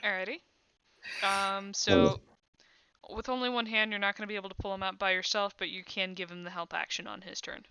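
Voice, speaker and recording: A woman's voice: medium pitch, level tone, a little fast, pushed and bright, highs cut off. A woman narrating as game master of a tabletop game, describing scenes with many "uh"s. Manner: descriptive, filler-heavy with frequent "uh".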